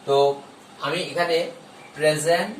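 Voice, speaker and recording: A man teaching an English grammar lesson, slowly dictating and stressing his examples. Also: a little high, steady tone, recorded from a distance. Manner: slow, emphatic dictation of examples. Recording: echoey room, off the mic, faint hiss.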